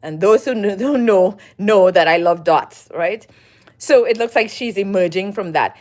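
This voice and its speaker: A woman's voice: mid-range voice, unhurried. A middle-aged woman from Trinidad, chatting casually on her own livestream as she talks through her collage work and greets viewers. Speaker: collage artist hosting a livestream. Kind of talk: casual livestream talk while crafting.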